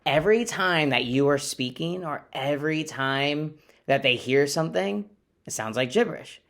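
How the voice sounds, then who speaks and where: A teacher with a slightly high, a bit bright voice reads a picture book aloud to children at a moderate pace. He's animated and friendly, explaining things to the kids and adding playful sound effects.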